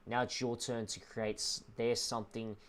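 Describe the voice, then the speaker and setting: A young man livestreaming, earnestly talking a viewer through loss in a halting, emotional way, close to tears. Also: medium pitch, level tone. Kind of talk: emotional heart-to-heart with a viewer on stream.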